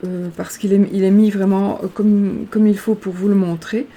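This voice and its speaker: A woman's voice: medium pitch, flat delivery, normal speed, dark tone. A woman reading fortune cards aloud in a casual tutorial, hesitant and stumbling over her words. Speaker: card reader.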